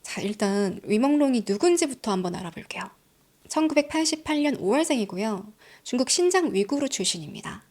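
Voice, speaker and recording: A woman's voice: on the high side, lively intonation, brisk, a little mellow. A woman hosting a channel, telling a true-crime story in a conversational, dramatic way, sometimes dropping into a whisper for emphasis. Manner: conversational, addresses viewers directly. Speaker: channel host.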